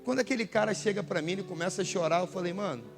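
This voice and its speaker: Pastor preaching in a church, high gravelly voice, long echo and soft guitar behind. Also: male voice, racing. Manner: casual, slangy storytelling. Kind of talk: sermon. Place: church hall.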